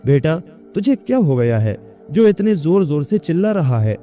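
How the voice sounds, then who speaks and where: A man's voice: fairly high pitch, sing-song, dark tone, faint music behind. A man voicing an old mother who pleads with her confused son in a storybook tale. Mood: pleading. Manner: pleading, coaxing.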